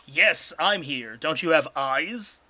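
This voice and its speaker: A man voicing an indignant, foul-mouthed tall man roused from sleep in a tabletop game, loud and affronted. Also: fairly high pitch, animated, takes it slowly, a little hiss or hum, heavily acted.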